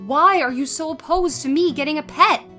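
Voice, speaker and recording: A woman's voice: high-pitched, moderate pace, bright, forceful tone, soft background music. A woman playing an earnest, defensive young woman in a comedy sketch, speaking insistently.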